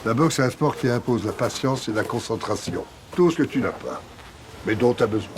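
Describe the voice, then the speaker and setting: An actor playing a gruff older retiree who coaches a young man in boxing, blunt and commanding. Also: medium pitch, animated, brisk, noisy background, lightly acted. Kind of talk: film dialogue.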